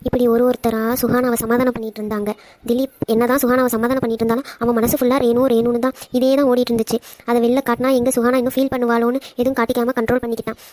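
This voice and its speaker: Woman narrator, fast storytelling, raised pitch, dry studio sound. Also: level tone, a little mellow, no room sound. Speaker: narrator and voice actor.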